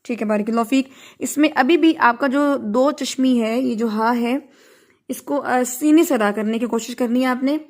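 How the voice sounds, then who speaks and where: High-voiced woman teaching recitation. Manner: patient, encouraging, models recitation in a chanted voice. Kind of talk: online tajweed lesson, correcting students.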